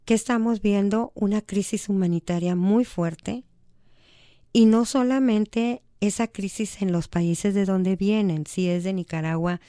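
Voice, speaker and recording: A woman with a Mexican accent and a dark, clean mid-range voice speaks earnestly as a human rights advocate on a radio talk show. Recorded dry on a studio microphone, she is conversational and acts out quoted dialogue.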